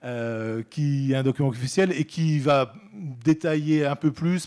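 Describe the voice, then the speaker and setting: A man's voice: mid-range voice, mellow. A middle-aged man giving a conference talk as an organisation's director, speaking with frequent fillers and restarts and addressing colleagues in the audience.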